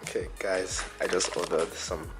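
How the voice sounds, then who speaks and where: A young adult vlogger chats casually in a solo vlog, sounding congested and nasal from a bad cold, almost as if pinching their nose. The voice is low, with flat delivery at a normal pace. The room gives a roomy echo, and music plays in the background.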